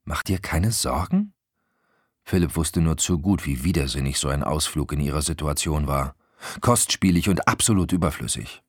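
A man narrating an audiobook in an expressive storytelling manner. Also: rumbling low, fairly quick, no room sound, clean studio sound. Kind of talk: scripted narration.

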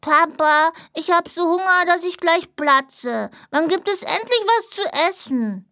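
A hungry little boy whining for his dinner, as a woman puts him on, in a high voice that stays close and dry on the recording. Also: lively intonation, unhurried, sharp tone, dry recording, full character voice. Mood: whiny. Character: small hungry boy, whiny and impatient.

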